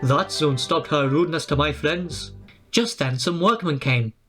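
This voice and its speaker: A man's voice: fairly high pitch, measured pace, music in the background. A man reading a storybook aloud and putting on voices for the engines and coaches. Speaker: storybook narrator.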